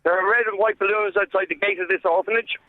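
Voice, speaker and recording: Guy phoning in a live radio report, fairly high voice, repeats himself, thin phone sound. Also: fairly even intonation, fast, a crowd in the background. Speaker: radio show presenter on a challenge. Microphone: phone call. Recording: muffled, phone-like line.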